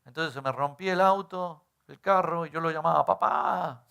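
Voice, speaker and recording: A man's voice: a little high, a little fast, gravelly, sharp tone, clean tone. A middle-aged male pastor, preaching in a conversational way and often tagging on rhetorical questions. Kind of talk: sermon.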